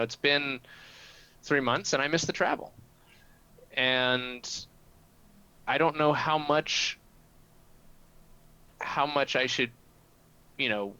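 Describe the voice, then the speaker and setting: A man's voice: mid-range voice, pushed and bright, clean tone, highs cut off. A man hosting a casual video call conversation, thinking aloud in a reflective way. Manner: reflective, searching for words. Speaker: host.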